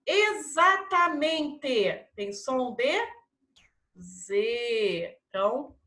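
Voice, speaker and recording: A woman teaching a primary school lesson in a Brazilian Portuguese accent, patiently drawing out each example word slowly. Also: high voice, expressive, a bit bright, reverberant. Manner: slow, drawn-out pronunciation of example words; patient and encouraging. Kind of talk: recorded classroom lesson.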